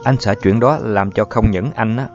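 A feverish young man, tired and gently reassuring, as a male reader plays him. He speaks quietly and earnestly. The audio is dull and lo-fi, with faint music. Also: lowish voice, moderate pace, lightly acted.

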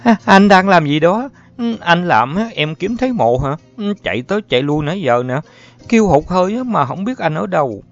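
A man voicing a tender, worried young woman who pleads softly with her sick lover. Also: sits high, sing-song, a little fast, voice pushed up. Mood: anxious calling. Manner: pleading, soft and fussing. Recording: dull lo-fi audio, faint music.

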